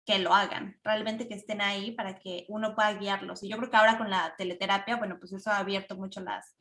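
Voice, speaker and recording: Woman, panel moderator, measured, roomy echo. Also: medium pitch, flat delivery, a bit bright. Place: video call. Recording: echoey room.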